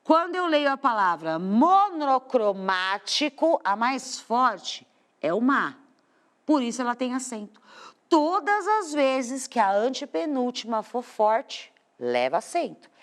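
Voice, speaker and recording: Slow, lively Brazilian woman teaching. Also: sits high. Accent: Brazilian Portuguese. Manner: slow, patient explaining with drawn-out stressed words. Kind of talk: classroom lesson for children. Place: studio.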